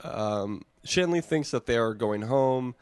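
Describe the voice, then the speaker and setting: A man's voice: medium pitch, lively intonation, takes it slowly, darkish tone, clear, resonant tone, no echo. A man from Michigan, co-hosting a casual chat and recapping a reality show with sarcastic jokes. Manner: joking, sarcastic, swears. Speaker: podcast co-host.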